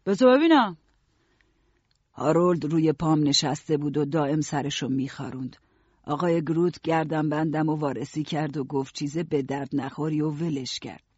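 Husky male audiobook narrator. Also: fairly high pitch, dry recording, highs cut off. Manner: steady first-person storytelling.

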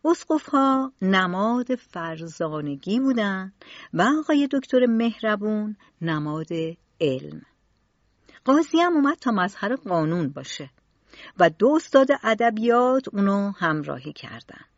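A woman storyteller narrating a children's storybook in an expressive, varied way. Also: mid-range voice, no echo. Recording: dull lo-fi recording.

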